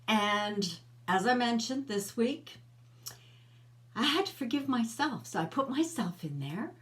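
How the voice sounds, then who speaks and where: Middle-aged woman, host of a personal growth channel: casual, coaching talk to camera with questions for the viewer, voice of medium pitch.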